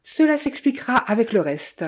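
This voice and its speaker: A woman voicing a sly, smooth-talking male Italian bandit who mocks with false friendliness, in a storybook reading. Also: mid-range voice, animated, normal speed, warm tone, lightly acted. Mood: mocking.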